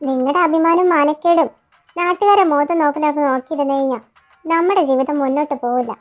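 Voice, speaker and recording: A woman plays a gentle, supportive mother in a homemade audio drama, speaking in a soothing, reasoning way. Her voice sits very high. Faint music runs underneath. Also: fast, natural voice. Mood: tender. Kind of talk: amateur audio drama dub.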